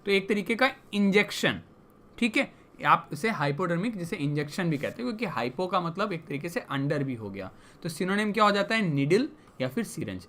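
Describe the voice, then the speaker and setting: A woman's voice: on the low side, lively intonation, moderate pace, a bit bright. A young woman teaching English vocabulary in a lesson, explaining each word and putting questions back to her students.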